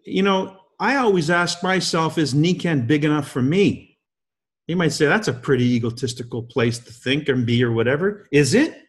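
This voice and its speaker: A man in his fifties, serving as guest host on a leadership call, delivers a motivational talk packed with emphatic rhetorical questions. His voice is fairly high, with lively intonation and a normal speaking speed.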